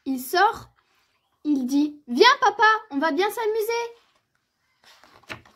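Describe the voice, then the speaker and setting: A woman reading a picture book aloud for children, clear and expressive, as the storyteller. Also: sits high.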